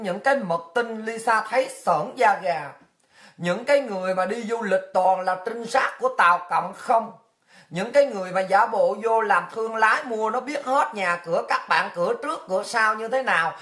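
A woman ranting in a livestream monologue, fiery and crude, swinging between shouting and slow solemn warnings. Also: medium pitch. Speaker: online political commentator.

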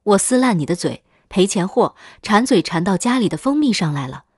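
A woman's voice: mid-range voice, sing-song, a little fast, a little mellow, husky, dry recording. A woman voicing a harsh, abusive middle-aged village mother who scolds and insults in a dry, close recording. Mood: furious scolding.

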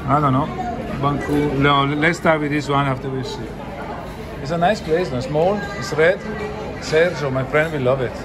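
Over music, a man in his forties speaks at a moderate pace with a slightly high, steady voice. Vlogging casually, he carries his phone camera at arm's length through an indoor mall and restaurant, thinking aloud in non-native English, and heavy crowd chatter and mall noise surround him.

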